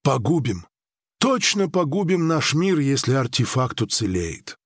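A man voicing an old, powerful foreign dream-weaver who speaks in a measured, persuasive, faintly ironic way. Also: medium pitch, very animated, slightly rough, dry recording, studio quality, heavily acted.

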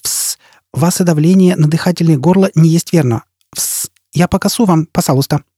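A man's voice: fairly high pitch, normal speed, dark tone, husky, no room sound, clean studio sound, voice pushed up. A man voicing a small, polite judo instructor with a Japanese accent, who hisses and lisps through broken phrases.

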